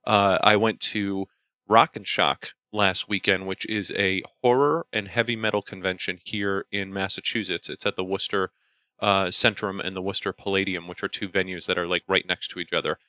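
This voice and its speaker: A man's voice: sits low, fairly even intonation, normal speed, bright, forceful tone, dry recording. A man co-hosting a podcast, telling anecdotes in casual chat. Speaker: podcast co-host.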